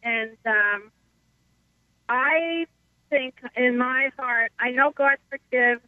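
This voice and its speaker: A woman's voice: high voice, no room sound. Woman calling in on car speakerphone. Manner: halting, with many fillers and restarts. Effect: car speakerphone over a phone line. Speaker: caller. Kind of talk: call-in radio talk. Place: in her car. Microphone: phone speakerphone. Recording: tinny phone line, dry.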